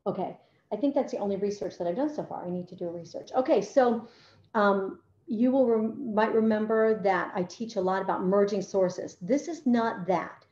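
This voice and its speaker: Upbeat woman teacher explaining a lesson plan, mellow voice on a lo-fi mic. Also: normal speed, echoey room. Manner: enthusiastic, acts out classroom talk in a higher voice. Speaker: language arts teacher.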